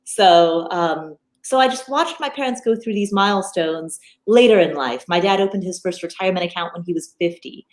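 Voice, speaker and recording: A woman in her thirties, a finance podcaster from Nepal who grew up in the United States, speaks animatedly as a guest in a conversational interview. Her fairly low voice moves at normal speed with hardly any pauses, full of restarts and fillers, in an echoey room.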